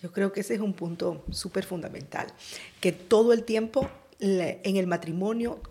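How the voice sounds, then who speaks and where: A woman's voice: medium pitch, normal speed, warm tone. A woman co-hosting a church podcast, talking in an earnest, emphatic way. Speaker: podcast co-host, pastor. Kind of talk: podcast interview.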